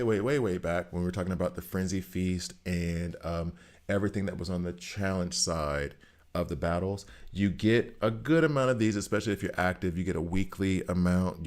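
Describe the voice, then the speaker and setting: A man's voice: sits low, darkish tone. A man from Alabama with a Southern US accent gives casual game commentary to viewers, repeating phrases for emphasis. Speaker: gaming content creator.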